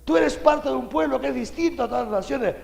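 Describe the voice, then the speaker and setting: Older male preacher from Peru, lively folksy catechesis, high and gravelly, in a reverberant hall. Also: fast talker. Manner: animated, folksy preaching with many rhetorical asides to listeners. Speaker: bishop giving catechesis. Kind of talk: sermon.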